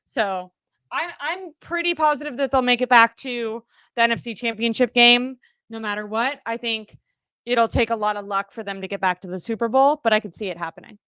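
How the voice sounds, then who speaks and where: A woman's voice: fairly high pitch, brisk, fairly bright tone, smooth, dry recording, dull audio. A woman co-hosting a casual sports chat, chatty and upbeat, often poking fun at herself. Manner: chatty, upbeat, self-deprecating. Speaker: co-host.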